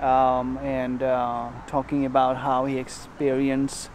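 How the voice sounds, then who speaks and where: A travel vlogger in his forties narrates casually to a handheld camera held at arm's length, first outdoors in a parking lot and then inside a van. His mid-range voice moves slowly, relaxed and rambling, full of fillers and restarts, with slight background noise.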